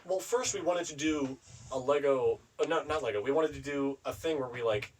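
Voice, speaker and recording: A man's voice: medium pitch, moderate pace, distant mic, slight background noise, low-quality recording. A young man co-hosting a podcast in casual chat, rambling and swearing as he tells stories. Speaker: podcast co-host.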